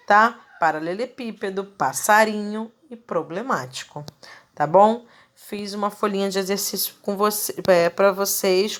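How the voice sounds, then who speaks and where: A woman's voice: mid-range voice, a bit bright. A woman teacher giving a recorded grammar lesson, enunciating example words carefully and checking in with her students in a friendly way. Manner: friendly, checks in with "tá bom, gente?".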